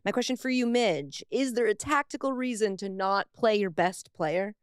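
A woman co-hosting a casual sports podcast, quick and wry with a joking tone. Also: medium pitch, lively intonation, smooth, no room sound, studio quality. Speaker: podcast co-host. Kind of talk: casual chat.

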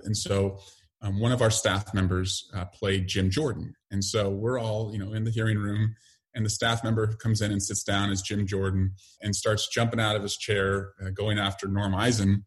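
A middle-aged man giving interview answers in a halting way, full of fillers and restarts. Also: fairly low pitch. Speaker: interview guest, congressman.

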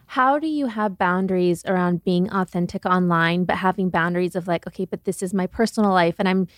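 A woman's voice: lowish voice, brisk, no room sound, studio quality. A woman hosting her own podcast, introducing a guest and asking long, upbeat questions. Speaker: podcast host. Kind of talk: interview hosting.

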